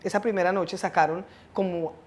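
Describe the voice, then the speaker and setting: Brief: middle-aged woman, slightly low voice, halting storyteller in a family chat. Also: steady tone, darkish tone. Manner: hesitant, halting storytelling with restarts. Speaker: interviewee, mother of the host. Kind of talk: family conversation, recounting memories.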